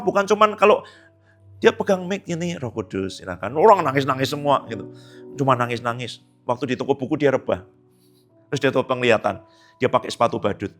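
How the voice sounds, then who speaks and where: A male pastor with a fairly high voice preaches a relaxed, conversational sermon at a church service. He's chatty and teasing, often slipping into hushed asides.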